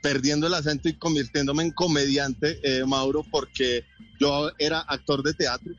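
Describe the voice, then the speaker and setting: A man's voice: a little high, steady tone, a bit bright, muffled recording, soft background music. A man from Colombia with a Colombian Spanish accent, a comedian guest chatting casually and cracking jokes. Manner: joking, laughs often, quick punchlines. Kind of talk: casual interview chat with jokes.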